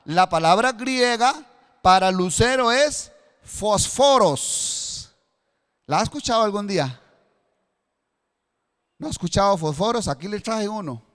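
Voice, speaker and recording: High-voiced Costa Rican pastor in a reverberant hall. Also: male voice, animated, moderate pace, pauses often, a bit bright, smooth. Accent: Costa Rican Spanish. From Costa Rica. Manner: preaching with a matchstick demonstration, rising to fervent emphasis. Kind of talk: sermon.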